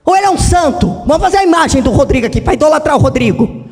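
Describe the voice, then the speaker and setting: A woman pastor preaching a dramatic sermon in a church, swinging from shouts to hushed tones. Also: high-pitched, expressive, rapid-fire, in a large hall. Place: church hall.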